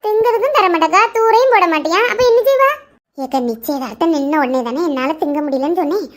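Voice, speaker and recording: A woman's voice: very high-pitched, fast talker. A woman playing a chatty, teasing village woman. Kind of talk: village family drama acting.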